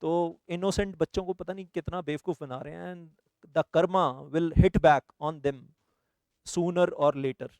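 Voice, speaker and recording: Earnest Indian man pitching coaching courses. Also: fairly even intonation, takes it slowly, darkish tone, smooth, dry recording. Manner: mixes Hindi and English, earnest, persuading. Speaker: CS coaching teacher. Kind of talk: promotional talk to students.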